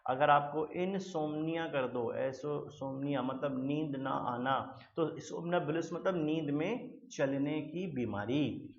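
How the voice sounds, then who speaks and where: A man teaching English vocabulary, mixing Hindi and English, explaining each word with everyday examples and repeating it back to the listener. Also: fairly high pitch. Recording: roomy, slightly dull lo-fi sound.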